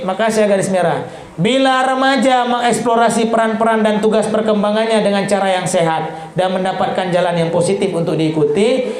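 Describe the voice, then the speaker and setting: A man giving an Islamic parenting talk, acting out quick exchanges between parents and teens with lively jumps in pitch. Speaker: parenting lecturer. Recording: echoey hall with faint noise.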